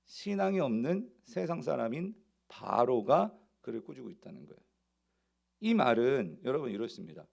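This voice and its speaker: A man's voice: medium pitch, big pitch swings, moderate pace, creaky, darkish tone. A male pastor preaching a sermon, asking the congregation rhetorical questions.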